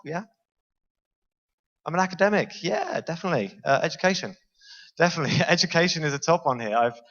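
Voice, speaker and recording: The speaker is a man from Britain with a British English accent, delivering a conference talk in a big lecture hall in an easygoing, self-aware manner while quizzing the live audience. A muffled recording captures his fairly high, slightly bright voice.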